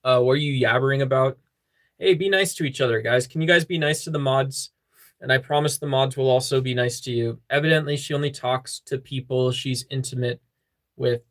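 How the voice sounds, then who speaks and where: A man's voice: medium pitch, fairly quick. A man hosting a casual livestream, chatting with viewers in a joking, rambling way. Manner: joking, rambling, singing snippets. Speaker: livestream host.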